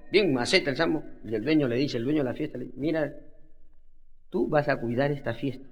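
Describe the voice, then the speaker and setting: A man with a Peruvian Spanish accent telling street jokes as a comedian, in rapid slang, acting out the characters and laughing along. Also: a little high, bright, forceful tone, low-quality recording. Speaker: stand-up comedian.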